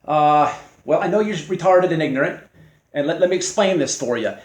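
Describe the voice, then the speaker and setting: A man hosting his own channel, delivering a mocking, confrontational response to a rival in halting speech full of fillers and restarts. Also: on the high side, animated, echoey room. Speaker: channel host.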